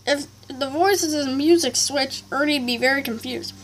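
A woman reading viewer comments aloud in a casual vlog, with halting, rambling replies and self-corrections. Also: high-pitched.

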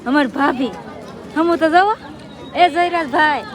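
High-voiced Gujarati woman in a crowd. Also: moderate pace. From Gujarat, India. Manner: playful, modest, bantering. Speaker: family member, vlogging. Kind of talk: casual family vlog chat.

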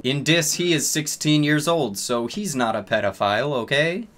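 A man reading narration in a comedic dramatic reading, with a drawn-out, theatrical delivery. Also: fairly high pitch, expressive, fairly bright tone, soft background music. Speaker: co-reader.

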